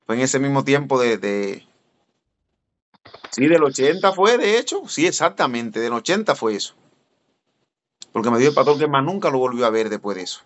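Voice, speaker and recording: A man's voice: moderate pace, pauses often. A man, an evangelist telling a story in a sermon and speaking straight to his listeners. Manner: animated, addresses listeners directly, voice jumps high when excited. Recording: dull lo-fi recording.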